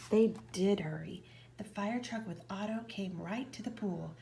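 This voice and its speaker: Lady reading a kids' book out loud, lots of whispering, gravelly voice. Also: medium pitch, a little slow, heavy background noise. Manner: expressive, often whispered narration. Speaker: reader. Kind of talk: reading a children's picture book aloud.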